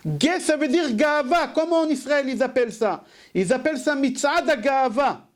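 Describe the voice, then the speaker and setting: A rabbi giving a sermon, who asks rhetorical questions, answers them himself and repeats key phrases for emphasis. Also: male voice, very high voice, expressive, moderate pace.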